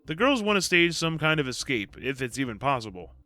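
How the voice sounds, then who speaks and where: Bright-voiced man narrating wryly. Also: medium pitch, sing-song, fairly quick, dry recording. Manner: wry, jokey storytelling. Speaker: video host summarizing books. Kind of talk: scripted narration with sarcastic asides.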